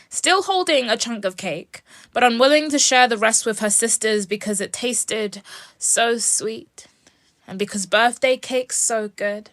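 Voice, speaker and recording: Softly reciting young woman, slow, dry sound. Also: medium pitch, no room sound. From England. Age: young adult. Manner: slow, soft, lyrical recitation with whispered phrases. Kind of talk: spoken-word poetry performance.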